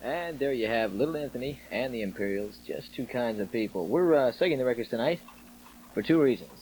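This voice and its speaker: An upbeat man hosts a military radio show with a mid-pitched voice. His delivery is casual, jokey and off the cuff. The sound is a 1960s studio broadcast tape with faint noise. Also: lively intonation, a little fast, a little mellow, poor audio. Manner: jokey, ad-libbed, conversational. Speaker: radio host, disc jockey. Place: small radio station studio.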